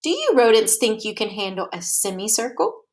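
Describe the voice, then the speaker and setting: A woman's voice: medium pitch, big pitch swings, brisk, darkish tone, lightly acted. A woman voicing a kindly, easygoing male mouse schoolteacher in a children's storybook. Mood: cheerful.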